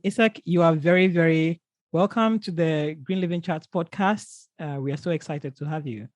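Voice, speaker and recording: A man's voice: a little high, moderate pace, dry recording. A man hosting a podcast interview, welcoming his guest enthusiastically with frequent fillers and restarts. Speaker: podcast host.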